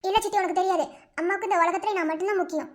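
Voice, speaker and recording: A woman's voice: very high voice, steady tone, rapid-fire. A woman voicing an anxious little girl in a cartoon, asking questions about her mother. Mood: worried.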